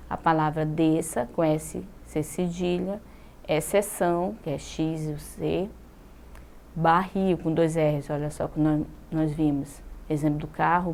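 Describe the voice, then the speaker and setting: Brazilian lady teacher, low-ish voice, drags out words slow for kids, keeps checking in, bit of faint hiss. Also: gravelly, darkish tone. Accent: Brazilian Portuguese. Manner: patient, drawn-out syllables with frequent "tá?" check-ins. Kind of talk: recorded classroom lesson for children.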